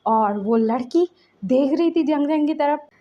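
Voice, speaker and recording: A woman's voice: high-pitched, expressive, measured pace, warm tone, muffled recording. A woman casually retelling a fan-fiction story in a chatty, loose way, full of fillers.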